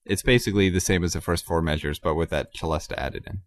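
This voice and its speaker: Low-voiced man musing about his music. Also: fast talker. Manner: rambling, hesitant, many ums, self-correcting. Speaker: composer podcast host. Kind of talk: casual solo talk about his music.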